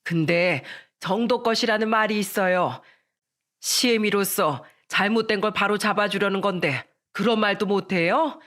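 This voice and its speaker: A storyteller voicing an angry middle-aged mother-in-law who scolds her daughter-in-law in a raised, shrill voice. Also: normal speed, lightly acted. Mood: exasperated. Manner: shrill and scolding, rising louder.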